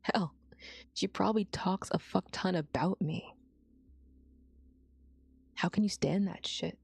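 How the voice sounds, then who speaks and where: A woman's voice: lowish voice, takes it slowly, creaky, a little mellow, breathy edge, full character voice. A woman voicing a drunk, bitter, heartbroken young man who confesses in half-whispers while reading a story aloud. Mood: anguished.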